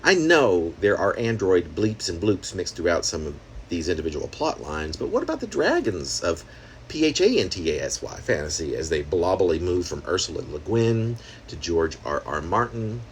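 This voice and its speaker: Here a poet with a low voice reads his own experimental prose poem at normal speed, his pitch swinging widely. His manner is wry and conversational, full of asides and rhetorical questions, with slight background noise behind him.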